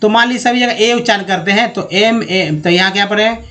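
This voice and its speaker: A man teaching English spelling and pronunciation from slides, drawing words out slowly one at a time and addressing viewers as friends. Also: sits high, fairly bright tone. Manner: slow, drawn-out word-by-word pronunciation. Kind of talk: slide-based spelling lesson.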